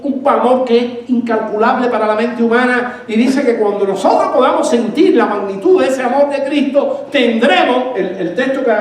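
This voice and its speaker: A man with a high voice preaches a sermon in a church and keeps putting questions to his congregation. The hall rings with heavy echo, and he sounds a little far from the mic. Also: a little mellow. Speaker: pastor.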